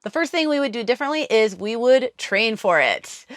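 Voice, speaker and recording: A woman's voice: fairly high pitch, lively intonation, normal speed, no echo, studio quality. A young adult woman co-hosting a travel vlog, chatting casually with lots of fillers about a camping trip. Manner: chatty, upbeat, many fillers. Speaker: vlog co-host. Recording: voice with loud background music.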